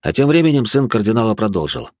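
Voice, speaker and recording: Man, fantasy audiobook narrator, low voice, measured, dry studio sound. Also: big pitch swings, a little mellow, dry recording.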